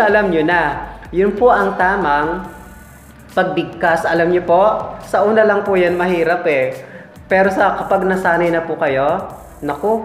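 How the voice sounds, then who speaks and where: A man teaching a casual language lesson, playful and chuckling often as he drills words for his listeners to repeat. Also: on the high side. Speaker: English teacher. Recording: echoey room with faint music.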